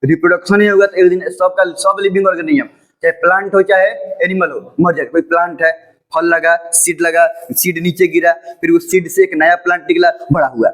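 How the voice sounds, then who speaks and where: A man teaching a school biology lesson in a casual lecture style, asking rhetorical questions and repeating points, with English textbook lines read slowly. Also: high voice, fairly even intonation, fairly bright tone, poor audio. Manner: explains with rhetorical questions and repetitions. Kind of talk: informal classroom lecture.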